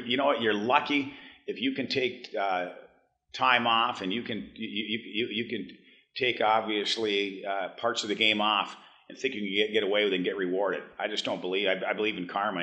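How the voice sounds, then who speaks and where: Brief: man in his 50s, hockey head coach, postgame press room, halting and blunt, bright timbre. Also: fairly low pitch. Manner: halting, restarts often, blunt and frank. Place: press room in front of a team backdrop.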